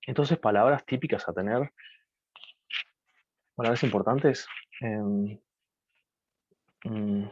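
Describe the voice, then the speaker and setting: Low-voiced man, lo-fi call. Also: slow pace, long pauses. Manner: hesitant, many restarts and fillers, animated when telling stories. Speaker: Mandarin teacher speaking at a webinar. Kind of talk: casual explanatory talk with anecdotes. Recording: dull lo-fi video call audio, faint noise.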